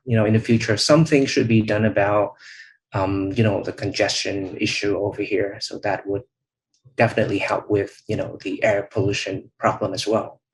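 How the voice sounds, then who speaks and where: Thoughtful young man, low voice. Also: darkish tone, poor audio. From Vietnam. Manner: thoughtful, many "um" and "you know" pauses. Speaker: channel host, interviewee. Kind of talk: speaking test practice answers.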